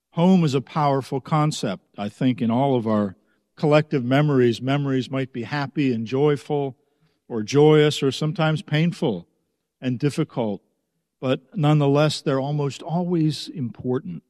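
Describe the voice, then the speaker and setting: A man preaches slowly and thoughtfully from the pulpit, his mid-range voice settling into measured phrases. His sermon carries the long reverb of a sanctuary. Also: medium pitch, a little mellow, clean studio sound. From United States. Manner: slow, measured, reflective delivery. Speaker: pastor.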